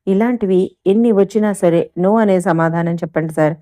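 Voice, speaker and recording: A woman's voice: medium pitch, normal speed, dark tone, dry recording, studio quality, lightly acted. A woman voicing a shy but spirited young woman, a bike racer, who answers respectfully and keeps saying sir, in a read-aloud story. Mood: earnest.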